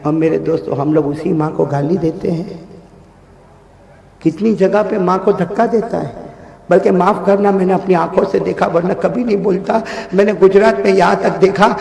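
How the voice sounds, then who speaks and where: A man preaching a passionate sermon to a big crowd, swinging from soft pleading to high shouting and calling for answers. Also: vocal fry. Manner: impassioned, calls out to the crowd for answers. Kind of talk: sermon to a large outdoor gathering. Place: large gathering with loudspeakers. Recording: echoey public address in a large space.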